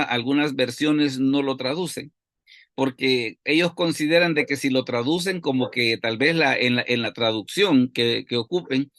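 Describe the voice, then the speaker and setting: A man's voice: medium pitch, a bit bright, no room sound, studio quality. A man teaching a Bible study lesson, explaining step by step and asking and answering his own questions.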